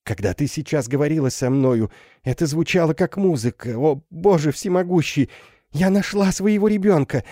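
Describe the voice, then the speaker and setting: A man's voice: on the high side, expressive, measured pace, dark tone, no room sound, studio quality, voice pushed up. A man voicing a half-mad older woman, a recluse mother, who talks wildly and tearfully in an audiobook. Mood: ecstatic. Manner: wild, tearful, swinging between joy and terror. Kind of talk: audiobook character voice.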